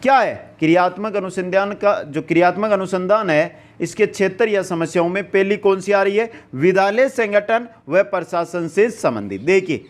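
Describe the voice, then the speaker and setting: Male lecturer, Rajasthani Hindi accent, high voice, explains point by point with rhetorical questions. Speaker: teacher. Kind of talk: exam-prep lecture.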